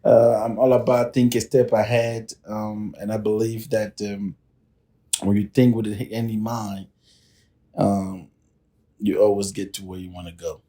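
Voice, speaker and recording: Mellow-voiced man. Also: lowish voice. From Cameroon. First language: French. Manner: steady, measured talk with repeated false starts. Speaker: podcast co-host, business consultant. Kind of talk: casual podcast chat.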